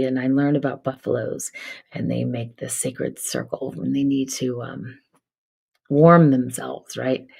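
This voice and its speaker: A woman hosting a live stream, telling spiritual stories casually, swinging between loud bursts and soft near-whispers. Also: extremely low pitch, vocal fry, breathy edge. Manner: casual, swears, repeats herself. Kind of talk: spiritual storytelling chat.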